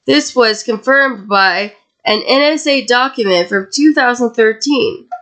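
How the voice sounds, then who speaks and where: A woman with a slightly high voice, gone raspy for the night. She co-hosts a podcast and reads her research aloud at a steady, matter-of-fact clip. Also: unhurried. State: raspy voice tonight. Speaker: podcast co-host. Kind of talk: reading researched notes.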